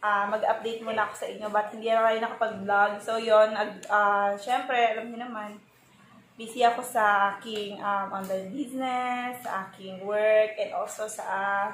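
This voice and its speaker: A woman's voice: mid-range voice, little pitch movement, normal speed, a bit bright. A young Filipino woman, a full-time mom, chatting casually in a home vlog with many fillers. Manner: chatty, hesitant with many fillers, switching to sing-song baby talk. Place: room at home with a baby. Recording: echoey room, faint background noise.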